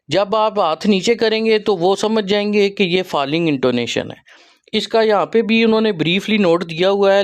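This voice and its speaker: Explaining training material for teachers, this channel host and trainer speaks in a high voice with a Pakistani Urdu accent. He's unhurried, with frequent pauses and fillers throughout.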